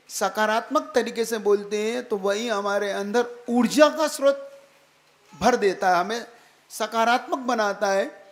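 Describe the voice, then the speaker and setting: High-voiced man preaching a sermon. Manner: keeps checking the listeners follow with direct questions; emphatic, repeats key phrases. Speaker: Jain monk.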